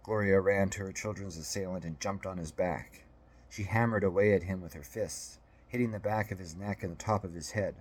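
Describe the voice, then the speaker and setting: A man narrating an audiobook in a steady, measured storytelling manner. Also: sits low, breathy edge.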